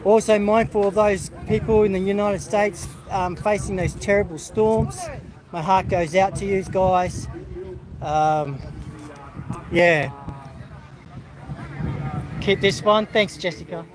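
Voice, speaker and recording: At an outdoor football carnival, a middle-aged Australian man livestreams with a high-pitched, fairly even voice, taking it slowly and pausing often. The audio is poor and crowd noise sits behind him as he casually rambles through viewer greetings, restarting and using many fillers.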